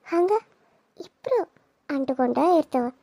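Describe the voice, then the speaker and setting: A woman's voice: expressive, measured pace, creaky, no room sound, full character voice. A woman voicing a cruel, scheming young woman villain in a cartoon serial, with a sneering, menacing delivery. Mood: taunting. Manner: sneering, menacing, low and hushed.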